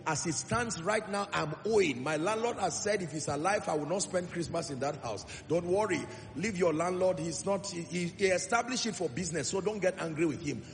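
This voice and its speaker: A man preaching a sermon, emphatic, building through repeated phrases and dropping to a low earnest tone. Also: expressive, brisk, creaky, few pauses, a little hiss or hum. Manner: emphatic, rising repetitions, shifts between loud exhortation and low earnest tone. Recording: long hall reverb with faint music.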